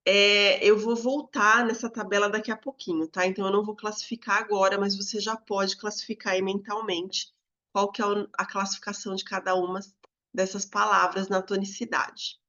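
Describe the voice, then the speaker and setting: A woman with a Brazilian Portuguese accent leads a recorded video lesson in a calm, medium-pitched voice. She calls out words in a drawn-out sing-song to show stress, and the sound is lo-fi.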